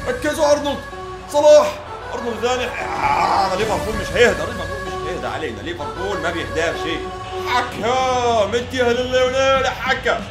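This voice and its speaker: A young man with an Egyptian accent, commentating his own football video game match and shouting and pleading at the play. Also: high voice. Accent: Egyptian Arabic. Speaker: gaming YouTuber. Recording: echoey room with game music.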